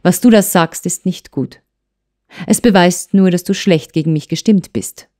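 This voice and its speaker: A woman reading as a calm older husband. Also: on the low side, no room sound, clean studio sound, close to an everyday voice. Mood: serious. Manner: calm and measured, turning serious.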